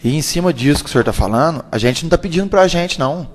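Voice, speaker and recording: A man's voice: on the high side, lively intonation, fast. A man, a councilman, pressing pointed questions during a council debate. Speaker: town councilman. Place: council chamber.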